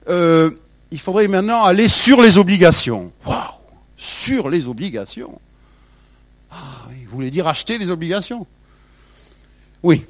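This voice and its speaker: An older man with a light south-western French accent delivers a humorous column with playful mock indignation. His voice sits somewhat high and swings widely in pitch. It is recorded dry and close. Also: dry recording. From south-west France. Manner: animated, playful, mock-indignant, lots of hesitations. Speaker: radio columnist. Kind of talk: humorous spoken column on language.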